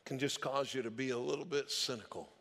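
A pastor delivers a sermon in a large hall, telling stories in a casual, conversational way and acting out the voices of the people he quotes. His voice is mid-range, a bit fast and fairly bright.

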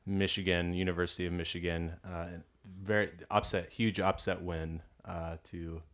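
Deep-voiced man, playful podcast co-host. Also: flat delivery, moderate pace, a bit bright. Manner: playful, mock-formal radio voice. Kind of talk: casual chat. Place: home studio in the Midwest.

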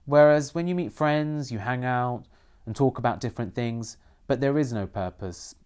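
An Iranian man whose first language is Persian, the film's protagonist, answers interview questions earnestly about acting in it. His mid-range voice is clear and resonant with a darkish tone, and he speaks at a moderate pace.

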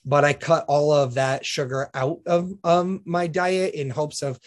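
A man as a guest on a casual podcast, relaxed and joking, with frequent uh and um fillers. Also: fairly high pitch, a little slow.

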